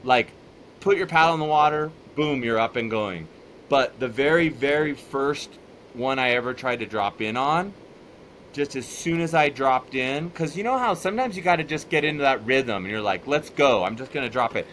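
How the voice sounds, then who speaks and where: Man, bright voice, animated storyteller, casual chat, light hiss behind. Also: mid-range voice, normal speed. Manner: animated, laughs while telling stories. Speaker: podcast guest.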